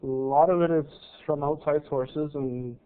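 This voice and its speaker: A man who makes cheese at a dairy, answering interview questions in brief, plain replies with hesitant pauses. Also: on the high side, fairly even intonation, smooth. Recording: tinny, phone-like lo-fi sound.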